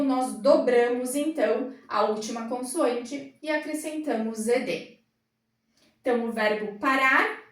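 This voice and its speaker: A woman teaching English grammar in a classroom, explaining patiently at a whiteboard. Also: high voice. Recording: roomy echo, mic far off.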